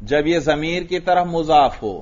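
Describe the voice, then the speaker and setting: A man with a Pakistani Urdu accent delivers a grammar lecture in a fairly high voice. He drills his class with questions he answers himself and recites Arabic examples slowly. The recording is dull and lo-fi. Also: a little mellow.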